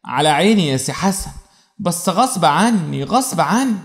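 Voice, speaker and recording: A man's voice: a little high, expressive, normal speed. A man with an Egyptian accent voicing an anxious young woman trapped by her husband, speaking in a pleading, fearful way. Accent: Egyptian Arabic.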